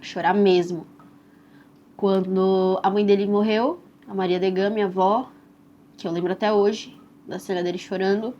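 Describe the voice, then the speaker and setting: A woman's voice: medium pitch, steady tone, moderate pace. Tender young Brazilian woman telling her story. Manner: soft, tender and reflective, with frequent "né?" and "assim". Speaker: mother telling her own birth story. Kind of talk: personal testimonial storytelling. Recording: slightly dull recording with faint hiss.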